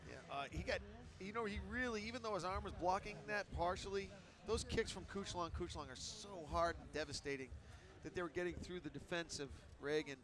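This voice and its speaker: A man doing live ringside commentary on a kickboxing fight, reacting loudly to big hits. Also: high-pitched, fairly quick, few pauses. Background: crowd noise.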